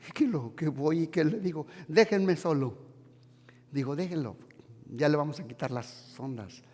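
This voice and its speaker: A male pastor preaching a fervent sermon in a church, swinging between shouts and hushed storytelling. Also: on the high side, moderate pace, in a large hall, soft background music.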